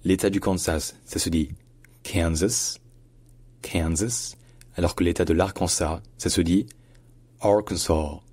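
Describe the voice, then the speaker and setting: Man teaching pronunciation, very low voice, breathy, careful and slow on example words, dry sound. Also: darkish tone, dry recording. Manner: careful, repeats demonstration words slowly. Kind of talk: explanatory lesson to camera.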